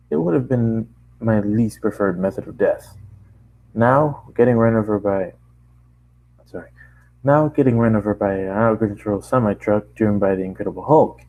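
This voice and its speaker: A man's voice: lowish voice, normal speed, long pauses, narrow, tinny audio. A man casually reading a first-person story aloud, often stopping for asides and restarting lines. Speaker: narrator reading a fan story.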